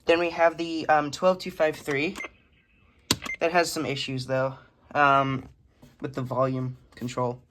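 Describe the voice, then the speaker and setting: Holding a phone behind the camera, a radio collector walks through his pieces in an indoor room stacked with electronics, naming them haltingly one after another as if reading a list. His medium-pitched voice is flat, and background noise can be heard.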